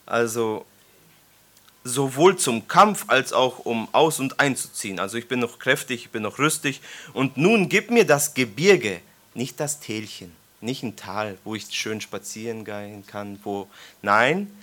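A man in his thirties preaches informally to a church congregation, reading scripture aloud and bantering with listeners through questions as he leads a Bible study. His mid-range voice is fairly bright, with lively intonation and a measured pace.

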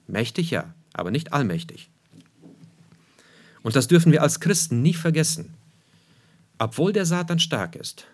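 A man preaching a sermon, emphatic, repeating key phrases for weight and asking his listeners rhetorical questions. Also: mid-range voice.

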